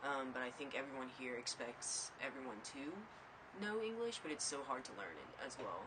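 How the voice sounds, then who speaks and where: A young man whose first language is Mandarin Chinese, answering casually with frequent fillers and pauses. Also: medium pitch, noisy background. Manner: relaxed, hesitant, frequent fillers. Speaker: interviewee. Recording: clear background ambience.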